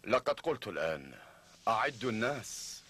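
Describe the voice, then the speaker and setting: An actor dubbing a resolute rebel leader in a historical drama, giving firm orders. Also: male voice, on the low side, sing-song, normal speed, fairly bright tone, breathy edge, full character voice. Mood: commanding.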